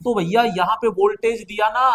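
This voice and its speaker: High-voiced man teaching an exam-prep class. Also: fairly even intonation, moderate pace, a bit bright. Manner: chatty, asks students questions and answers them himself; repeats phrases for emphasis. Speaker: coaching teacher.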